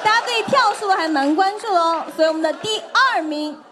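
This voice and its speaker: A woman's voice: very high voice, a little fast, noisy background. A woman announcing results on stage, holding back giggles as she speaks. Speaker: announcer of fan election results. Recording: loud music and crowd behind. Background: music and crowd.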